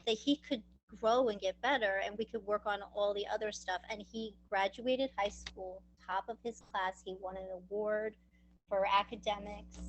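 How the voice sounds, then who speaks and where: A mother telling her story at an advocacy training, emotional and halting, with restarts and pauses. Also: medium pitch, low-quality recording. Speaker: parent giving testimony. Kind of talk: personal testimony at an advocacy training.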